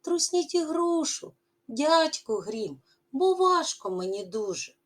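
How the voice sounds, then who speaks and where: A woman's voice: high voice, very animated, takes it slowly, pitched above the performer's own voice, full character voice. A woman voicing a pear tree in a children's poem, who pleads to be shaken because her fruit is heavy. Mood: pleading.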